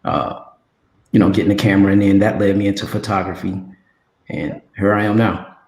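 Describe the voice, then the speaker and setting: A man's voice: low-pitched, a little fast. A man on a video call sharing his story in casual chat, his audio echoing like a cave. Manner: relaxed and conversational, says "man" and "right". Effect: cave-like echo on his audio. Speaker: photographer on a panel.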